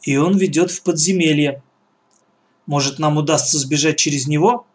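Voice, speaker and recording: Storybook boy, calm and hushed, voiced by a male reader. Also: on the high side, moderate pace, close to an everyday voice. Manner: hushed, steady. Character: calm, level-headed boy, quiet.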